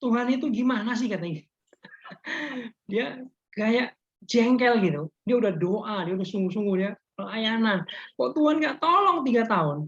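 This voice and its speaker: A male pastor tells a story in a sermon and acts out its voices with lively shifts. His voice is husky and a little breathy. The sound is muffled, as on a video call. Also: high voice. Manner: lively storyteller acting out quotes.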